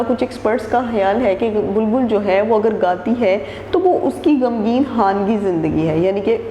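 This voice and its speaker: A woman with a fairly high, mellow voice, an Urdu teacher, reads a textbook passage aloud and re-explains each sentence in simpler words. The room is echoey, with long reverb and faint noise.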